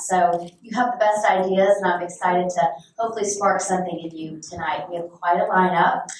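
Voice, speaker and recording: A woman emceeing a live panel event, upbeat and chatty. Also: medium pitch. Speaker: master of ceremonies. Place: large event hall. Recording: echoey hall, distant mic, audible noise.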